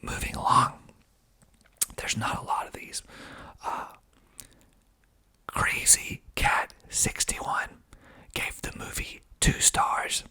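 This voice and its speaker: In this ASMR video, the male host, who works as a filmmaker and actor, reads in a deliberate, breathy whisper with little voicing. Now and then he adds a deadpan, wry aside.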